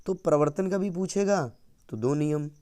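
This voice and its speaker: Man, science teacher, fairly high voice, energetic, repeats key terms, answers his own questions. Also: normal speed. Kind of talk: exam-prep science lesson.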